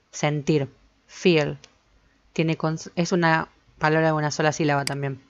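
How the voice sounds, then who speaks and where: Low gravelly woman teacher, lo-fi. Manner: patient, repeats points and checks with "¿sí?". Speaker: English teacher. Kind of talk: explaining grammar to students. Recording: slightly dull lo-fi recording.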